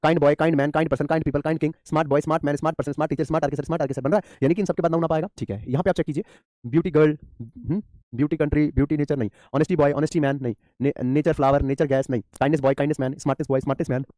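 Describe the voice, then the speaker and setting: Fast-talking male teacher. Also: a little high, steady tone, mellow, dry recording, clean studio sound. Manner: addresses students as beta, asks and answers his own questions. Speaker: English teacher. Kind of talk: online grammar class.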